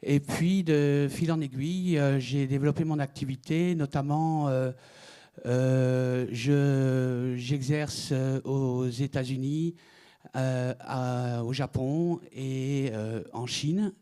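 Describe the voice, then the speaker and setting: A man's voice: medium pitch, steady tone, slow, dark tone, smooth. A middle-aged man from France giving a conference talk, hesitant, with many fillers and restarts. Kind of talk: conference presentation.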